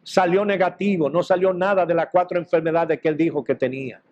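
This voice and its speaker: A man's voice: a little high, fairly even intonation, a little fast, a little mellow, highs cut off. A male pastor giving a fervent testimony sermon, telling his story with quoted dialogue.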